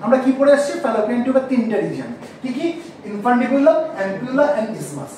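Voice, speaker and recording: A man teaching a class, asking questions and slowly repeating key terms. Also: extremely high pitch, big pitch swings, warm tone, slight background noise. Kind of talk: classroom lecture. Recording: echoey room, mic far off.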